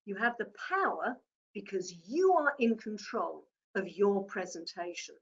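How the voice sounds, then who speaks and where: A woman teaching presentation skills as a communication coach, deliberate and emphatic, stressing words differently to make her points. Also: mid-range voice, big pitch swings, muffled recording.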